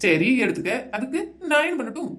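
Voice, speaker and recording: Casting: woman playing sarcastic young daughter-in-law, rattles lines off very fast, high voice. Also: big pitch swings, heavy background noise. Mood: snappy. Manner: snappy, sarcastic. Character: sharp-tongued young daughter-in-law, cheeky. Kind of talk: comedy skit.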